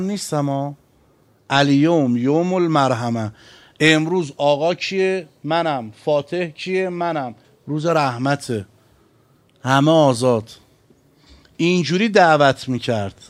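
A male cleric giving a sermon. He poses rhetorical questions and stretches out key phrases for emphasis. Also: medium pitch.

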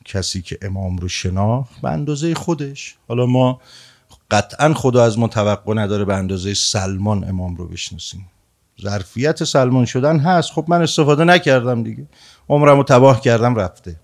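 A male preacher giving a sermon at a middle pitch, moving between forceful, raised phrases and soft, low-spoken remarks. His voice sits in an ordinary register for a man, and his delivery is earnest and persuasive. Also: expressive. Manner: swings between raised emphatic lines and hushed low asides. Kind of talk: sermon with retold story.

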